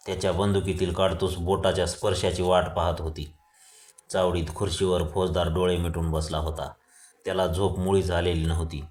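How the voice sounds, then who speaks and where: A man reading a novel aloud as a storyteller, with steady, even narration. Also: deep voice, roomy sound. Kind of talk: audiobook reading of a Marathi novel.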